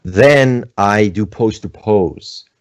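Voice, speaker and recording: A man's voice: lowish voice, takes it slowly, dry recording, clean studio sound. A middle-aged man from Switzerland, an animator chatting casually at home on a livestream and answering questions, rambling with many fillers. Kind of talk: livestream talk and Q&A.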